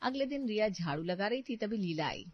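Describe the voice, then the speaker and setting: A woman narrating a scripted story in a plain, even way. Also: mid-range voice, fairly quick, dry recording. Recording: dry, slightly dull recording.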